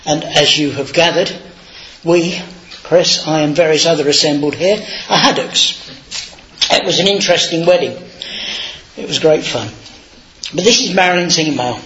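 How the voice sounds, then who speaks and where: A man's voice: fairly high pitch, normal speed, long pauses, bright, forceful tone. A man giving an informal, anecdotal sermon in a chatty, self-deprecating way, on a dull lo-fi recording. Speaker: lay preacher.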